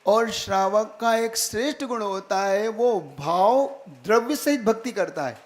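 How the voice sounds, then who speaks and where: A man's voice: sits high, a little slow. A man, a Jain monk, giving a sermon, emphatic, repeating key phrases and often asking if listeners follow. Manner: keeps checking the listeners follow with direct questions.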